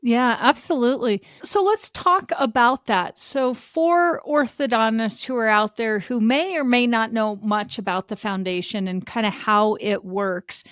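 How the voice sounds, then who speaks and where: A woman's voice: a little high, a little slow, hardly any pauses, fairly bright tone, clean tone, dry recording, clean studio sound. A woman hosting a podcast interview, asking long questions and affirming her guest often. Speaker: podcast host.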